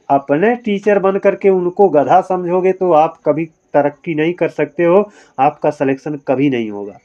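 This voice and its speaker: A man's voice: fairly high pitch, muffled recording. A man teaching grammar in an online exam-prep lesson, working through multiple-choice questions with rhetorical questions and a repeated "है ना" tag, mixing in motivational advice to students.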